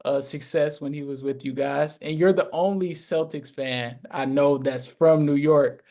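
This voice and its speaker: A man's voice: fairly high pitch, fairly even intonation, unhurried, mellow. Conversational man hosting a morning radio interview. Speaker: morning show host interviewing a guest.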